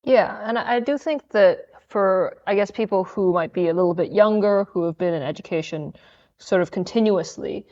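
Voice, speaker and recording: Her medium-pitched, slightly mellow voice moves at a moderate pace, though the audio is dull. A young adult from Hong Kong studying law, she's a podcast guest in a relaxed interview, answering thoughtfully and somewhat hesitantly.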